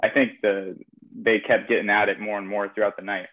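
A man's voice: lowish voice, flat delivery, fairly quick. A young man telling a long story in casual chat, rambling with lots of fillers. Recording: tinny phone-like audio.

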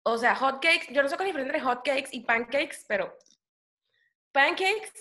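A young woman with a Venezuelan accent and a high-pitched voice. She answers her co-host with short, dry, teasing remarks in a relaxed podcast chat. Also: fast. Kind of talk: casual chat.

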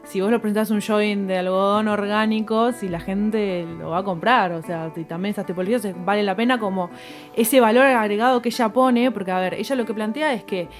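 A woman with a Rioplatense Spanish accent and a medium-pitched voice explains fashion in a casual panel talk. She lists garments and colors one after another in an animated way. Faint music sits behind her. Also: fairly quick. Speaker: fashion commentator.

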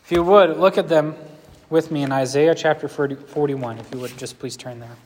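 Male pastor, slightly high voice, mild lisp, chatty earnest preaching, reverberant hall. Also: brisk, a little mellow. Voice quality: slight lisp from a sore lip. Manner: conversational, earnest, asks the congregation questions. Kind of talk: sermon.

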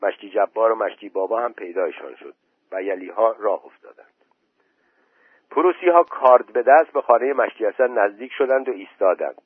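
A man narrating a story aloud in a steady, measured audiobook reading. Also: on the low side, breathy edge, no room sound. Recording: tinny phone-like recording.

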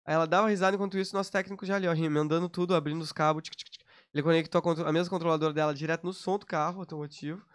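A man from Brazil, a party organizer, telling lively, slang-filled stories in a casual chat. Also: fairly high pitch, clear, resonant tone. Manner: fast, animated storytelling with slang.

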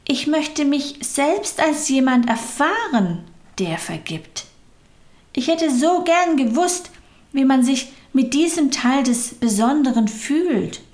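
A woman voicing a small, eager, childlike soul in heaven, speaking with soft wonder and pleading. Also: mid-range voice, very animated, takes it slowly, hardly any pauses. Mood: wistful. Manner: wondering, pleading, softly exclaiming.

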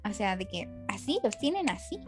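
A woman's voice: medium pitch, very animated, normal speed, soft background music. A young adult woman with a Mexican accent, co-hosting a casual comedic chat with slangy, wry, self-deprecating humor. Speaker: podcast co-host.

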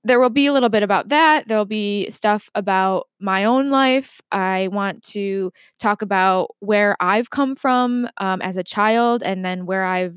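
A woman's voice: mid-range voice, unhurried, few pauses, smooth. A young woman in her twenties talks through a casual solo podcast intro from her desk at home. She sounds chatty and reflective, trailing off and restarting her thoughts. The sound is dry and close, with no room echo. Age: 20s. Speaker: podcast host.

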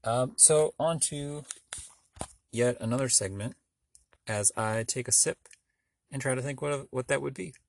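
A man's voice: medium pitch, measured pace, creaky, pauses often, slight background noise. A man hosting his own podcast, talking casually and meandering from thought to thought with many filler sounds. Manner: rambling, meandering, filler-heavy; offhand, self-deprecating. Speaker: podcast host. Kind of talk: solo casual monologue.

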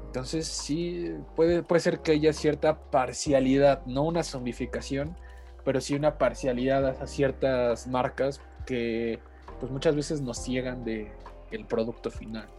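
A man's voice: mid-range voice, a little mellow. A Mexican man talking casually as the co-host of a podcast.

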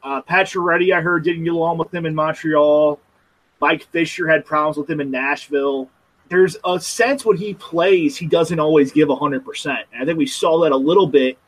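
Man, podcast co-host, husky, a bit high-pitched, wry, opinionated. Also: normal speed, rough recording. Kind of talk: casual sports chat.

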